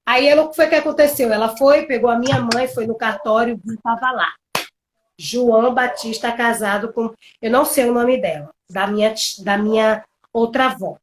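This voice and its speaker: A woman with a high voice tells a long family story on a live stream. She is animated and dramatic, and she sounds like she is on a video call. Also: moderate pace, a little hiss or hum. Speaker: co-host of a couples live stream. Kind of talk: casual storytelling.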